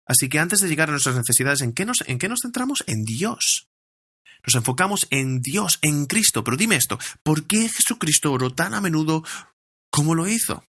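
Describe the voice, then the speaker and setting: A man's voice: on the high side, sing-song, normal speed, a bit bright, breathy edge. A man preaching a sermon as pastor, earnestly drawing out scripture lines and repeating phrases as he builds each point.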